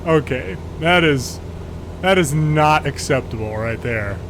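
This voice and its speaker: Slightly high and slightly slow, an American man's voice offers sardonic, laid-back game commentary with exasperated asides. He's a pilot, a former air traffic controller, and a gaming video host. The recording carries constant background hum and noise.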